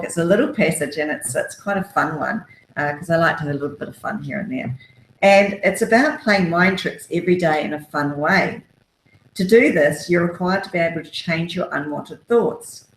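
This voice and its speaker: A woman's voice: low voice, slight background noise. A woman, an author giving upbeat, encouraging self-help advice with many fillers. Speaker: author and guest. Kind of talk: motivational self-help talk. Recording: roomy echo.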